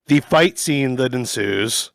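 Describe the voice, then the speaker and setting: A man's voice: mid-range voice, lively intonation, slow, vocal fry, fairly bright tone, no room sound. A man guesting on a podcast, dryly and sarcastically recounting film scenes in casual chat.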